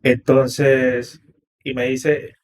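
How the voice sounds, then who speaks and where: A man's voice: medium pitch, flat delivery, very slow, a little mellow, a little hiss or hum. A man from Honduras, a podcast guest who tells a story animatedly and quotes each line of dialogue. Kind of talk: storytelling interview.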